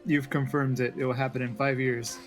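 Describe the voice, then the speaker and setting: A man's voice: mid-range voice, flat delivery, a little fast, music in the background. Easygoing man bantering on a stream. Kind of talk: casual gaming chat.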